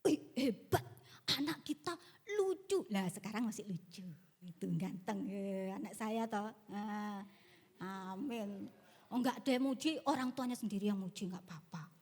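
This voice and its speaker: A woman's voice: mid-range voice, moderate pace, darkish tone. A middle-aged woman pastor telling stories in a humorous sermon, teasing her congregation playfully. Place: church hall in Bali. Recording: long church-hall reverb.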